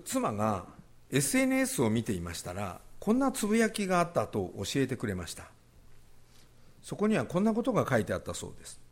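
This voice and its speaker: A man preaching a sermon as pastor, stressing key phrases as his voice rises. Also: a little high. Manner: animated, rising emphasis on key phrases.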